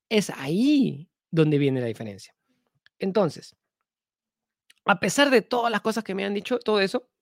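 A man's voice: sits high, dry recording, studio quality. A man giving a spiritual talk to an audience, asking rhetorical questions and repeating himself for emphasis. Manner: repetitive, full of rhetorical questions; earnest, with sudden emphatic swings. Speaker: spiritual teacher.

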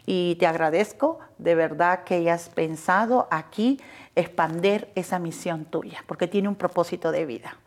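Low-voiced woman interviewer for a TV talk show, affirming. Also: measured pace. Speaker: co-host. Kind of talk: television talk show conversation.

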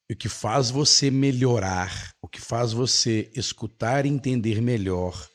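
A man teaching a language lesson, emphatic and checking in with rhetorical questions. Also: mid-range voice. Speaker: English teacher.

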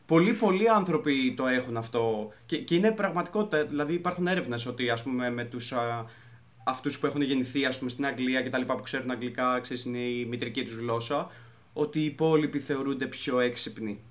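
Male podcast co-host, mid-pitched voice, halting with frequent restarts. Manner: halting, restarts words, mixes in English terms. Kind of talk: casual podcast chat.

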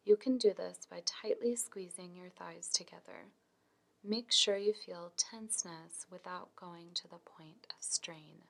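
A woman guides listeners through a scripted relaxation, speaking slowly and calmly in a soft, breathy, nearly whispered voice with a fairly low pitch as she gives soothing instructions.

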